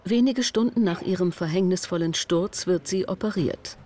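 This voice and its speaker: Female narrator for a TV report, measured studio read. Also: fairly low pitch, dark tone. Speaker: documentary narrator. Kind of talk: scripted narration. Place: studio voice-over.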